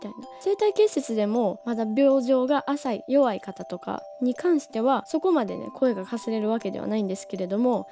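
A slightly hoarse woman talks as a voice-training teacher, friendly and animated, drawing out key words slowly. Her voice sits a little high yet sounds mellow and warm. Faint music plays underneath. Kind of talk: casual explanatory talk.

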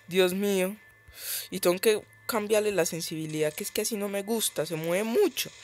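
A man's voice: high-pitched, fairly quick, a little hiss or hum. A man giving casual gameplay commentary as he plays a mobile game, chatty and thinking aloud, easily startled.

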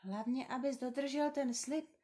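A woman reading as a gentle little prince. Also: high voice, close to an everyday voice. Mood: quiet earnest.

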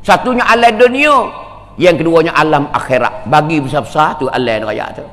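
High-voiced preacher, echoing hall. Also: male voice, normal speed, fairly bright tone. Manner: emphatic, repetitive, rhetorical questions. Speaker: religious teacher. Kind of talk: sermon.

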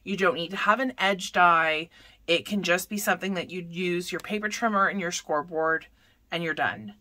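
Her voice is lowish, pushed and bright, at a normal speed. She's a chatty papercraft tutorial host who narrates each step as she goes and keeps correcting herself partway through sentences.

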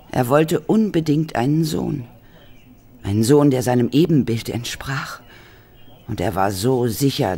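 In the style of a German horror radio play, a woman plays an embittered, frightened Hollywood actress telling her story in a halting, dramatic way. She uses a full character voice that is husky and rumbling low.

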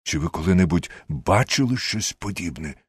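A man voicing calm, lecturing Sherlock Holmes. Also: low voice, breathy edge, no echo, full character voice. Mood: measured. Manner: measured, lecturing, deductive. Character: Sherlock Holmes, shrewd calm male detective. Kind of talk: audiobook character reading.

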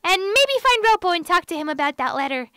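A woman voicing a chatty young girl heroine in a game roleplay, rambling and animated. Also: very high voice, fast talker, no echo, studio quality, heavily acted. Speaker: channel host. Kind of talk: Minecraft roleplay voice acting.

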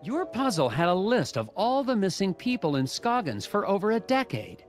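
A man's voice: high-pitched, sing-song, moderate pace, soft background music. A man voicing an earnest, by-the-book puzzle-game detective with a stiff, formal, hesitant delivery. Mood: formal, probing. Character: earnest, awkward, by-the-book male FBI puzzle agent. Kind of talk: cartoon game dialogue and noir-like narration.

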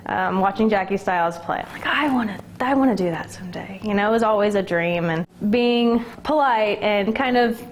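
A woman's voice: mid-range voice, moderate pace, few pauses. A young woman in her twenties, a former college basketball player, speaking candidly and emotionally in an interview, with lots of "like" and "um". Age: 20s. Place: indoor gym locker room.

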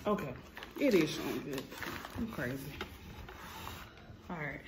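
Woman vlogger, chatty and rambling, lowish voice, roomy phone sound. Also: big pitch swings, measured pace, noisy background. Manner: rambling, chatty, addresses viewers as y'all. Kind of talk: casual mukbang vlog chat. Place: home, indoors. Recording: echoey room.

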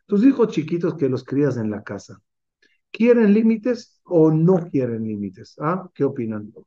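A male rabbi giving a class, his fairly high, mellow voice swooping widely as he poses question after question. He speaks slowly and deliberately, and the recording sounds dull and lo-fi. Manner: animated teaching with many rhetorical questions. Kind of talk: Torah class over video call.

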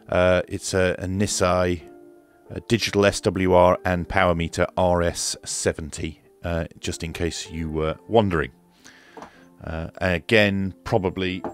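A deep-voiced male radio reviewer gives a casual product demonstration from a desk indoors. His delivery is slow and hesitant, a plain, unhurried, matter-of-fact walkthrough taken one step at a time.

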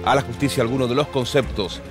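A man's voice: mid-range voice, steady tone, fast talker, over music. A man commenting on the news as anchor in a TV studio. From Argentina.

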